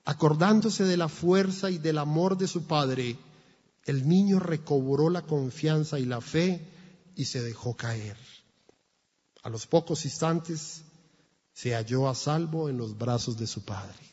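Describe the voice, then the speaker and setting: Slow, husky preacher. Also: male voice, fairly high pitch, darkish tone. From Colombia. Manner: emphatic, repetitive preaching with rhetorical questions. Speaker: pastor. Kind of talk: sermon. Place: church. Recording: long church reverb, dull sound.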